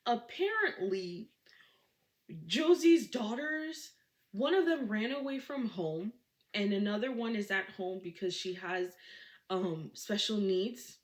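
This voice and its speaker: Animated woman recapping a book. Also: medium pitch, takes it slowly. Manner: animated, dramatic storytelling with rhetorical questions.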